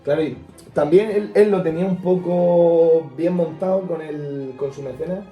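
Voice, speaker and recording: Mellow-voiced young man, far from the mic. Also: fairly high pitch, moderate pace, echoey room, faint music behind. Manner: hesitant, searching for words with fillers. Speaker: podcast co-host. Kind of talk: casual chat about music history.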